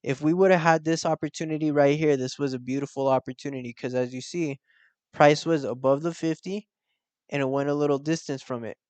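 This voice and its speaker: A man's voice: a little high, fairly even intonation, brisk, a little mellow, clean tone, dry recording. A young man hosting a casual trading tutorial, explaining step by step with slangy asides and check-ins. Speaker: forex trading channel host.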